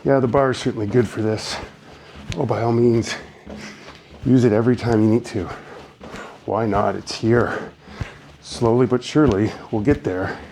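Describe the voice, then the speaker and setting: A man's voice: medium pitch, fairly even intonation, moderate pace, creaky, long pauses, dark tone, a little hiss or hum. A man leading a beginner trampoline workout, giving encouraging cues and getting out of breath as he bounces. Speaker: fitness instructor. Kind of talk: guided workout instruction.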